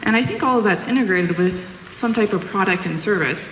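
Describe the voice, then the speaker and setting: A woman's voice: medium pitch, a little fast. Woman presenting casually in an echoing hall. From United States. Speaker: engineer giving a guest talk. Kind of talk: informal presentation to students. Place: large room or hall, talk to an audience. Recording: roomy echoing hall, faint background noise.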